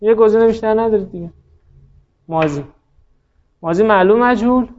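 A man's voice: high voice, darkish tone, dull audio. A man teaching Arabic grammar in a class, quizzing students by name and praising their answers patiently. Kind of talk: classroom lesson, drilling students.

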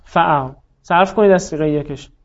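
Higher-voiced man teaching a grammar class, patient, quizzes students, dull lo-fi sound. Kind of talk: classroom lesson, drilling students.

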